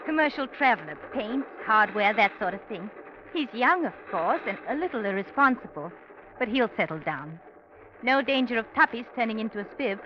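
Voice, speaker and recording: An old, dull radio recording with clear noise behind it. An actress plays a polite young English woman with a high voice. She chatters rapidly and without stopping, in mid-century radio drama style. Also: expressive, close to an everyday voice. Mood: chatty, artless. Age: young adult.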